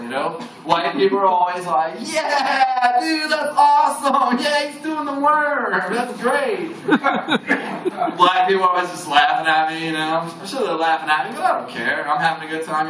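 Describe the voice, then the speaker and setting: A man performing a stand-up comedy set in a bar lounge, animated and chuckling through his own lines. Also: high-pitched. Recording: echoey room from far off, noisy crowd.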